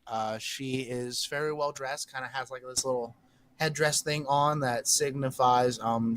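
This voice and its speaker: A man narrating a tabletop game as game master, pausing often with ums while describing scenes. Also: medium pitch, fairly bright tone, a little hiss or hum. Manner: hesitant, lots of ums and uhs while describing.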